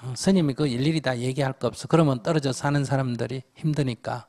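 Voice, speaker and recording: A man's voice: medium pitch, fairly even intonation, fast, darkish tone. An older man, a Buddhist monk, bluntly advising a questioner in a Q&A talk, scolding and teasing. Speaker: Buddhist monk giving advice. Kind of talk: Q&A dharma talk.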